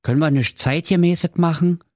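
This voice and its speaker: A man plays an oversensitive executioner in a comedic fairy tale, whining and pleading softly. The voice is only a bit higher than normal and is recorded close and dry. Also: moderate pace, dry recording, lightly acted. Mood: whiny.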